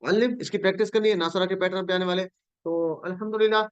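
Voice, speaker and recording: Patient male teacher from Pakistan, smooth high voice, dry lo-fi online-class sound. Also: steady tone, fast talker, dry recording. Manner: patient, drills word forms aloud and calls on students. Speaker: Quranic Arabic teacher.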